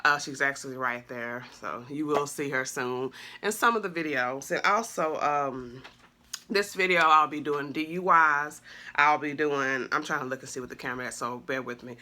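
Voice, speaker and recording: A woman's voice: low-pitched, moderate pace. A woman in her thirties chatting casually to her channel, rambling with lots of fillers and speaking into a phone. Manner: warm, effusive thanks to a friend. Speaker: vlogger. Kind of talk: casual chat to camera.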